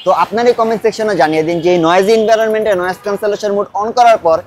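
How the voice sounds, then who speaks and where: A man's voice: sits high, racing, darkish tone. A man demonstrating gear on a noisy street, speaking into a wireless clip mic on a phone, his voice thinned by noise-reduction artifacts. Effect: noise-reduction artifacts, processed and thinned sound. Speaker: co-presenter testing a microphone. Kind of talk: on-location demo talk.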